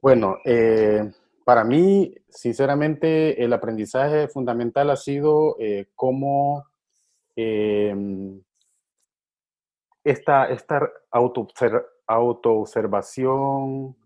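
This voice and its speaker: His voice is mid-range and darkish, delivered slowly on a muffled recording. A middle-aged man from Honduras who works with men's groups, he reflects thoughtfully in conversation, often using fillers and repeating words.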